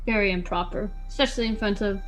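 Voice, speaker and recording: A woman's voice: medium pitch, fairly even intonation, fast, soft background music. A woman chatting casually as a tabletop game player, hesitant and stammering a little.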